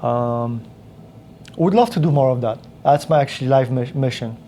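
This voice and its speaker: A man tells his story in a loose, rambling way, circling back and restarting his sentences. His tone is mellow and dark. A faint hum of room ambience sits underneath. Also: mid-range voice, normal speed. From Poland. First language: Polish. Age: 30s. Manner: rambling with frequent restarts and fillers. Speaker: podcast guest. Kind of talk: casual interview storytelling.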